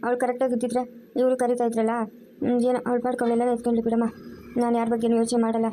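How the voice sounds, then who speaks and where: A woman's voice: fairly high pitch, completely flat delivery, dark tone, a little hiss or hum, lightly acted. Woman playing a tearful grieving older mother. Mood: sorrowful. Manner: tearful, slow and sorrowful pleading. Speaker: mother Akhilamma. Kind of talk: amateur family drama acting.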